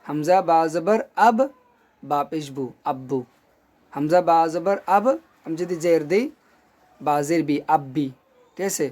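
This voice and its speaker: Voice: medium pitch, darkish tone. A Quran reading teacher giving a recorded online lesson, patiently drilling syllables one by one and often asking if the listener is following. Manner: patient, checks in often with "okay?"; drills syllables slowly and clearly.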